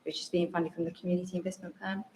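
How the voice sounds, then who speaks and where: A woman's voice: fairly low pitch, level tone, rapid-fire, a little mellow, slight background noise. A woman council officer answering questions at a meeting, businesslike in her explanations. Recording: distant hall reverb.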